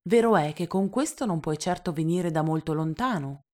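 A woman reading aloud and voicing a curious, gentle little boy from another planet who asks earnest, wondering questions. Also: fairly low pitch, normal speed, close to an everyday voice. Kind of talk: storybook reading.

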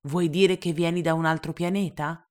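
A woman's voice: on the low side, steady tone, normal speed, natural voice. A woman reading aloud and voicing a proud grown man, a stranded pilot, with plain, matter-of-fact replies. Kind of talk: storybook reading.

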